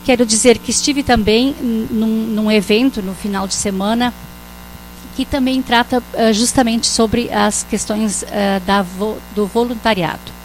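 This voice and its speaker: A woman with a Brazilian accent, a city councillor giving a formal speech in a council session, often pausing to find her words. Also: a little high, steady tone, slight background noise, poor audio. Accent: Brazilian Portuguese. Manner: formal, halting, with frequent pauses to find words. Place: municipal council chamber.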